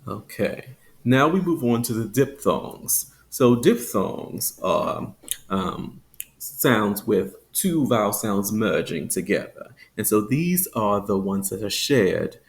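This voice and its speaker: A man teaching a phonetics lesson, explaining with fillers and stretching out example words slowly. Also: fairly low pitch, animated, creaky. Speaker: accent teacher.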